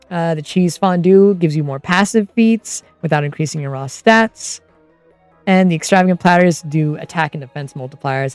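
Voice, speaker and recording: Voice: mid-range voice, a little mellow, dry recording. A streamer and game master of unclear sex chatting casually and explaining tabletop game rules in a rambling way.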